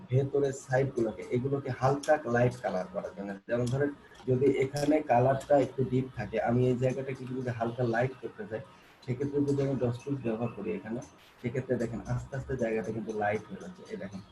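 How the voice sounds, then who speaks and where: A man teaching a graphic design class, walking through software tools step by step, repeating himself and coaxing learners to look closely, with many fillers and restarts. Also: medium pitch, background noise. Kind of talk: screen-recorded software tutorial.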